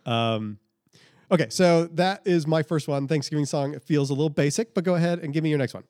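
A man in his thirties, chatting casually on a podcast, animated and rambling with many restarts. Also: a little high, a little fast, no room sound, clean studio sound. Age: 30s. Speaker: podcast co-host. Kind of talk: casual chat.

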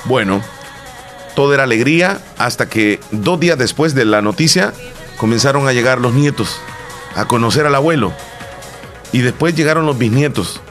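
A man's voice: medium pitch, expressive, normal speed, a bit bright. Male co-host, Salvadoran accent, emphatic storyteller, faint music bed. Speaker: podcast co-host. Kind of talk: casual chat.

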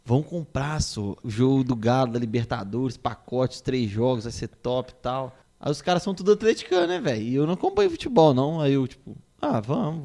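A man's voice: medium pitch, dark tone. Teasing man joking with friends. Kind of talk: casual chat among friends.

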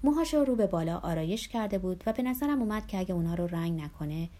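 A woman narrating a novel in a steady storytelling manner. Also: on the low side. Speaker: audiobook narrator.

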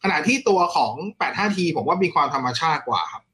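A man co-hosting a casual tech question show, explaining gadgets in detail with a relaxed manner. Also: fast talker. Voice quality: mid-to-high voice.

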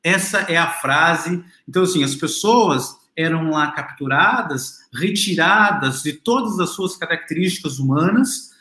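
A man's voice: a little high, expressive, unhurried, few pauses, pushed and bright. A man giving a classroom lecture, explaining patiently to his listeners with many fillers and restarts. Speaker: literature lecturer. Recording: roomy echo.

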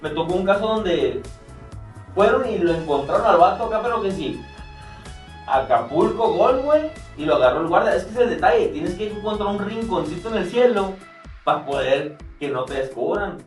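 A man's voice: high voice, animated, moderate pace. A young Mexican man co-hosting a casual podcast, rambling through slang-filled stories with many restarts. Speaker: podcast co-host. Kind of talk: casual banter. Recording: roomy room, far from mic, music behind.

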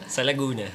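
A man's voice: medium pitch, background noise. A young man with a Filipino accent, making wry, questioning remarks in a casual live-stream podcast. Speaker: podcast co-host.

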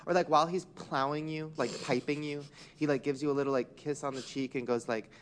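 A man's voice: fairly high pitch, steady tone, a little fast, slight background noise. A young man co-hosting a casual podcast chat, crude and playful, laughing often. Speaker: podcast co-host.

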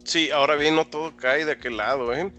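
A man's voice: fairly high pitch, a little fast, sharp tone, highs cut off, soft background music. A man co-hosting casual sports talk, opinionated and often repeating words as he searches for them. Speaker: co-host.

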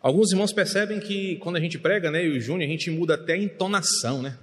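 A man's voice: a little high, fast. A middle-aged man, preaching a passionate sermon from the pulpit in a church. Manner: impassioned, rises to near shouting at times. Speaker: pastor. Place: church sanctuary. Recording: long hall reverb.

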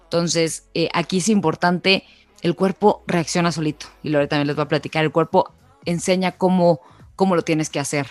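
A woman's voice: low-pitched, steady tone, moderate pace, no room sound, soft background music. A young Mexican woman co-hosting a podcast, telling a personal story in a chatty casual way. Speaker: podcast co-host. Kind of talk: casual chat.

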